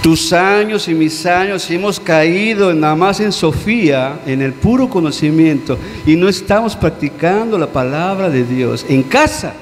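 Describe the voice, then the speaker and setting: A man preaching a sermon as pastor, earnest and questioning, often dropping low and soft on key words. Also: expressive, unhurried, few pauses. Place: church hall. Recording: long church-hall reverb with faint hum.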